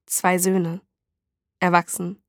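A woman voicing a blunt, mocking homeless man who collects bottles, talking in rough street slang. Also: lowish voice, monotone, slow pace, no echo, studio quality.

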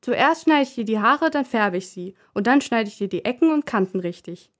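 A woman voicing a bossy little girl who plays with scissors, speaking in a high, shrill, shrieking voice. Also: lively intonation, normal speed.

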